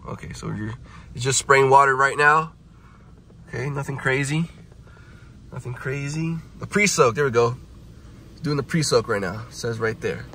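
A young man with a medium-pitched, sharp-toned voice vlogs from inside his truck in a car wash, letting out nervous yelps and laughs as he talks to viewers. It's casual commentary shot on a handheld phone, with a little hiss or hum.

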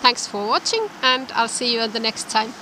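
A woman's voice: a little high, expressive, normal speed. A young woman vlogging about fly fishing beside a mountain river, talking casually into a handheld camera. She sounds enthusiastic and often repeats her words. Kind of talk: casual outdoor vlog talk. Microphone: handheld camera close to her face. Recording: outdoor wind noise, background music.

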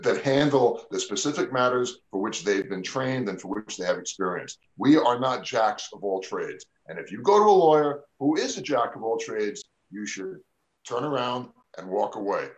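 Chatty New lawyer on radio. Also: male voice, on the low side, lively intonation, moderate pace, poor audio. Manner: conversational, lots of "you know" and "all right?". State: losing his voice. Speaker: immigration attorney on a radio show. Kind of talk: live radio talk show.

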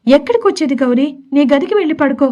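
A touchy young wife from a romance audio story, quick to sulk and scold. A woman voices her in a high, pouting tone. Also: steady tone, darkish tone, dull audio. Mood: sulky.

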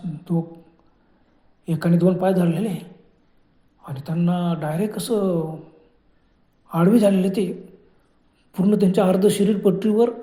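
Dark-voiced man telling a horror story. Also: high voice. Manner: dramatic, drops to hushed whispers for suspense. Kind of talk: spoken horror story narration. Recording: echoey room.

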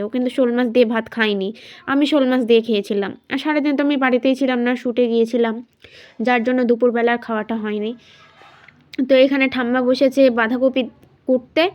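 A young woman from West Bengal talks through her day at home into a phone camera. Her voice sits high, and she chats freely, repeating words for emphasis in a casual vlog style. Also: highs cut off. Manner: chatty, repeats phrases for emphasis. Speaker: daily vlogger. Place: at home, indoors.

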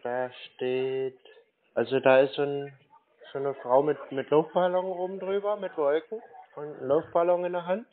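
A man plays a naive, confused, literal-minded customer as a scambaiter in a slow, bumbling telephone conversation. His slightly high voice holds a steady tone at normal speed, and the audio is narrow and tinny.

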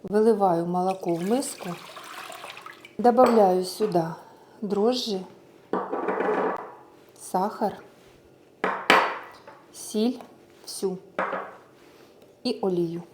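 A woman's voice: mid-range voice, very slow, pauses often, heavy background noise. A woman giving a casual cooking tutorial, chatting through each step as she works and mixing Russian words into her speech. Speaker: home cook showing a recipe.

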